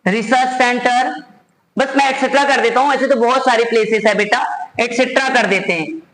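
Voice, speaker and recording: A man with an Indian accent teaching a computer class, dictating notes slowly word by word and switching to quicker asides addressed to his students. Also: very high voice, fairly bright tone. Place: classroom at a board. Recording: echoey room, faint background noise.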